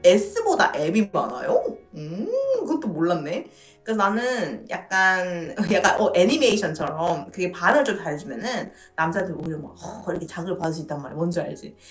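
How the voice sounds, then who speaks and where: A woman's voice: fairly low pitch, expressive, moderate pace. A woman giving casual dating advice on a stream, playful and chatty, often acting out quoted lines. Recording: roomy echo with faint music behind.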